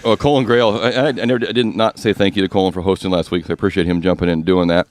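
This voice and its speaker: On a finance talk radio show, the deep-voiced host talks very fast in a steady tone, his voice slightly rough and husky. He chats and jokes as he explains mortgage rules.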